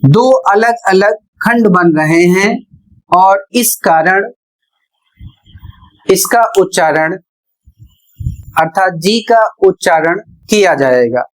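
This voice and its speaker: A woman's voice: fairly low pitch, lively intonation, slow, pauses often. A woman teacher explaining English pronunciation rules in a classroom-style lesson, spelling words out letter by letter.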